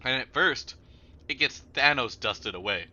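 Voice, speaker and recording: A man narrating as dungeon master, relaxed and halting, with fillers. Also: medium pitch, lo-fi sound. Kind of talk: narrating a tabletop game.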